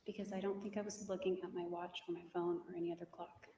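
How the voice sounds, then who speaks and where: A woman answers questions on the witness stand in a soft, hesitant, mumbling voice. She sounds far from the mic, in echoey courtroom audio with a faint hiss behind her. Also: on the low side, flat delivery, quick pace. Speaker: defendant testifying as witness. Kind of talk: courtroom testimony.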